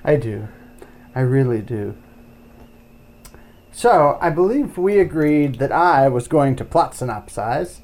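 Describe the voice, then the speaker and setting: A man co-hosting a casual film review podcast, playful, his volume swinging widely from soft to loud. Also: mid-range voice, sing-song, slow, pauses often. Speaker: podcast co-host.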